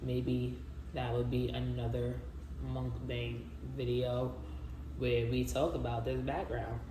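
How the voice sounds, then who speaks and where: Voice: medium pitch, flat delivery, slow pace. A video host chatting casually and informally to viewers, with lots of slang and direct address. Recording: roomy echo with faint background noise.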